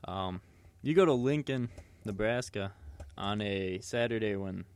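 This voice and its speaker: Low-ish guy rambling on a sports podcast, lots of ums and restarts. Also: measured pace, a little mellow, smooth. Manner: rambling, many fillers and restarts. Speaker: podcast co-host. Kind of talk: casual sports chat.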